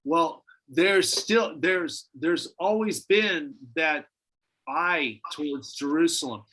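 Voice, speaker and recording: A man with a somewhat high voice leads a church Bible study. He talks in a relaxed, musing way, often restarting his sentences as he thinks aloud. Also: slow pace, a little hiss or hum, low-quality recording. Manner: conversational, speculative, many restarts. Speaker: pastor.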